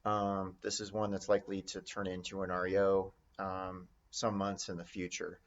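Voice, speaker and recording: Speaking in a low, completely flat voice at normal speed, this real estate note investing instructor keeps his teaching casual and chatty. He role-plays example phone calls, and the recording sounds muffled.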